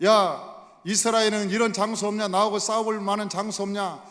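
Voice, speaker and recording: A man acting out a boastful giant warrior who hurls mocking taunts. The voice sits high and carries loud scorn. It rings with the long reverb of a church hall. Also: little pitch movement, normal speed. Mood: jeering. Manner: mocking, jeering shouts.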